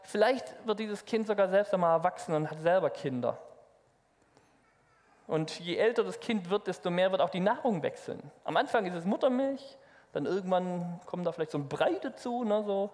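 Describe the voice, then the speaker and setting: High-voiced man preaching in a hall. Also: moderate pace. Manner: lively, addresses the congregation directly. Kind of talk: sermon. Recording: long hall reverb.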